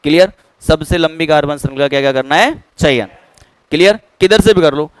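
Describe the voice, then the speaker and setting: A man's voice: on the high side, a little fast, smooth, no echo, low-quality recording. Teacher quizzing his class. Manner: keeps quizzing students with "clear?". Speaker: chemistry teacher. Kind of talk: classroom lecture.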